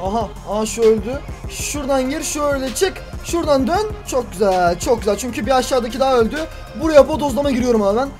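A man's voice: very high-pitched, fast, hardly any pauses, music in the background. A man commentating his own gameplay for a video, talking to himself and crying out at what happens on screen. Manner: excitable, talks to himself and cries out at the game. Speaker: gaming YouTuber. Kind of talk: let's-play commentary.

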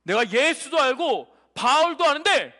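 A man voicing a scornful male evil spirit in a sermon retelling, slow and threatening. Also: very high-pitched, big pitch swings, pushed and bright, full character voice. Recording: church hall reverb.

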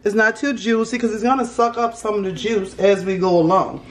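In a kitchen, a woman with a New Orleans accent walks through a home recipe in a casual cooking demonstration, talking like a home cook teaching it. Her voice is medium in pitch, steady, and a little fast. She sounds easygoing and folksy and tends to repeat herself.

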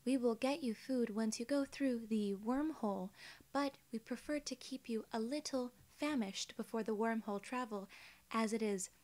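Playing a polite, friendly alien gatekeeper for ASMR, a young woman in her twenties keeps her voice soft and a bit high. She uses deliberate, formal phrasing right up against the microphone in a small indoor room.

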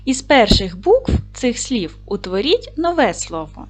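A woman gives a video lesson to young schoolchildren. Her pitch moves a lot, and she speaks clearly and slowly with encouraging praise. Faint music plays underneath. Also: big pitch swings. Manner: clear, slow, encouraging classroom delivery. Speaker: primary school teacher.

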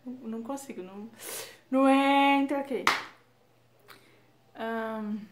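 A woman's voice: on the high side, slow pace, echoey room, background noise. A young woman from Brazil talking casually in a self-deprecating, chatty way as a vlogger at home. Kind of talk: casual chat.

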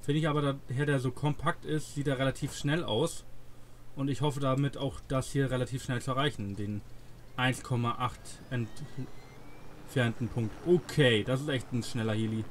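A man's voice: mid-range voice, steady tone, normal speed. Man casually commentating gameplay, faint noise. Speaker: let's play host.

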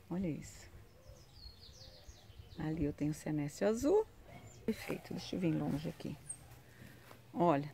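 A woman walks viewers through her sunny garden in a relaxed, chatty vlog. Her voice sits a little low and sounds mellow and warm. She keeps pointing things out as she films on a handheld phone outdoors. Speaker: vlogger, home gardener. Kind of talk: casual garden tour vlog. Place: outdoor home garden in sun.

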